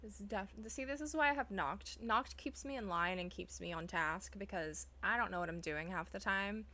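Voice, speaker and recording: Woman, live streamer, bright tone, casual chatty talk, self-deprecating, laughs a lot. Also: mid-range voice, normal speed.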